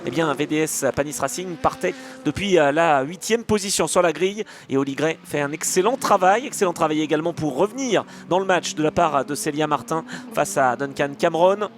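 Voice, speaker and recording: A man giving live motorsport race commentary in a hesitant, excitable way. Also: fairly high pitch, fairly quick. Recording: clear engine and trackside noise behind.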